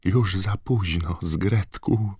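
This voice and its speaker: A man's voice: low-pitched, slow pace, mellow, husky, dry recording, clean studio sound, voice pushed up, heavily acted. A man voicing an anxious, breathless teenage boy wizard. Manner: breathless, pleading.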